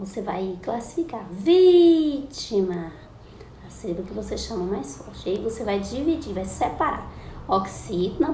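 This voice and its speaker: Woman teacher, higher voice, slow patient drilling, echoey room with light hiss. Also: darkish tone. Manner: patient, drawn-out spelling of example words. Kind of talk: recorded school lesson. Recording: echoey room with faint background noise.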